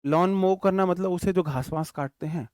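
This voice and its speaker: Man teaching grammar, slow dictation. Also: sits high, darkish tone, clean tone, no echo, clean studio sound. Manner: slowly dictates example sentences word by word; checks in often with the class. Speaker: English teacher. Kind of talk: online grammar lesson.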